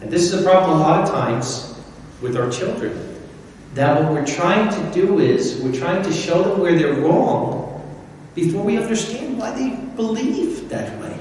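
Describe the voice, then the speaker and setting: A man's voice: sits high, lively intonation, unhurried, darkish tone, a little hiss or hum. A man preaching a sermon in a conversational, folksy way, often repeating his points. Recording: echoey hall from far off.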